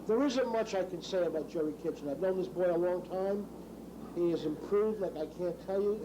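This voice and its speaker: Chatty, folksy man with a higher-pitched voice. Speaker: video narrator. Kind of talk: casual narration of model aircraft show. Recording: faint background noise.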